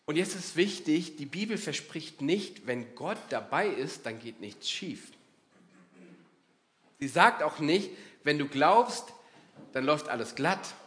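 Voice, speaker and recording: Lively conversational German preacher, man. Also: a little high, slow pace. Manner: lively, conversational preaching with acted-out inner voices. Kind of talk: sermon.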